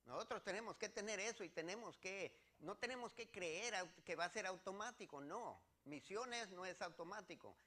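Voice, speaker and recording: A man's voice: sits high, expressive, moderate pace, hardly any pauses, sharp tone. A man from Mexico, preaching a sermon as pastor and reading scripture verses with earnest repetition.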